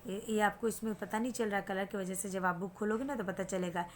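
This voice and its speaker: A woman's voice: medium pitch, steady tone, a little fast, a little hiss or hum. A woman teacher with an Indian accent giving an online lesson to children, patient, repeating things and asking questions back to check understanding.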